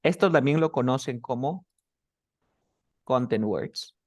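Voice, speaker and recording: A man teaches pronunciation one on one at a middle pitch, firing quick quiz questions at his student. He models each example sentence slowly, again and again, to show the stress. The sound is close and dry, with no room echo. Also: lively intonation. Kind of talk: one-on-one language lesson.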